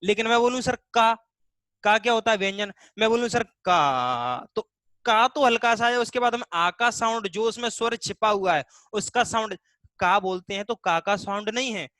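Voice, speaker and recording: This man's voice is high, slightly bright, and steady, moving a little fast in a dry recording as he teaches Hindi live online. He explains in stages, speaks his students' questions for them, and draws out vowel sounds as demonstrations.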